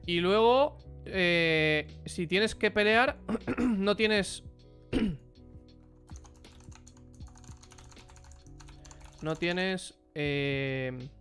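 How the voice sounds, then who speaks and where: Reviewing a player's matches live, a young man from Spain with a Spanish accent gives blunt, casual commentary on a headset and fields chat questions. He speaks very slowly with long pauses, in a high-sitting, expressive, slightly bright voice, with faint music behind him.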